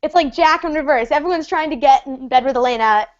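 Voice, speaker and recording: A woman's voice: sits high, fast, muffled recording. A young woman hosting a casual livestream chat, bubbly and rambling, with plenty of fillers. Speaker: host.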